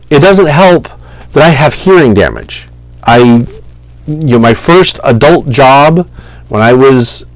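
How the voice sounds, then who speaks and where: A middle-aged man tells a story in a loose, unscripted way, stopping and restarting often and filling gaps with little hesitations. He speaks slowly and at a mid pitch. The room is dry, with almost no echo. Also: smooth. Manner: halting, rambling storytelling with many fillers and restarts. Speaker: vlogger translating scripture. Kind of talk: casual unscripted monologue.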